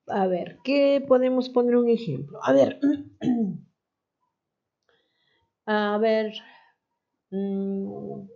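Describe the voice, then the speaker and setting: Her voice is medium-pitched, creaky and mellow, with drawn-out words and long pauses. As a teacher, she patiently walks the class through a lesson, checking in with frequent tag questions like "¿no?". The audio is dull and lo-fi.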